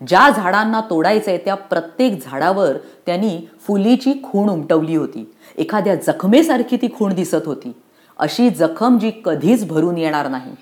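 A woman narrating a storybook in an expressive, rhythmic reading. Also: fairly low pitch, moderate pace.

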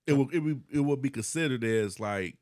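A man hosting a casual podcast, animated and acting out what he once said. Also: medium pitch, fairly quick, no room sound, clean studio sound. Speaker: podcast host.

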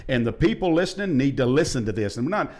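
A man's voice: medium pitch, animated, quick pace. Fiery preacher man. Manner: fiery, rises to loud emphatic peaks. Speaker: pastor. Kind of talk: preaching in a podcast discussion.

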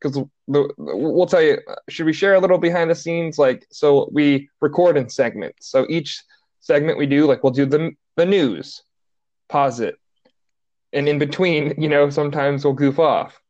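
A man's voice: fairly high pitch, normal speed, a little mellow, no echo, muffled recording. A man co-hosting a podcast, rambling through stories with lots of fillers. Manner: rambling, filler-heavy storytelling. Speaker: podcast co-host. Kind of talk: casual chat.

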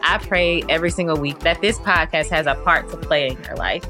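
A woman's voice: deep voice, a little fast, over music. A woman hosting a faith podcast, talking earnestly and conversationally with lots of fillers. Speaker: podcast host.

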